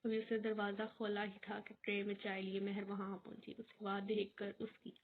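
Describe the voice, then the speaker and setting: Woman narrator with a gravelly voice. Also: mid-range voice. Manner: steady storytelling. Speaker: audiobook narrator. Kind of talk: reading an Urdu novel aloud. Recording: tinny phone-like recording with faint hiss.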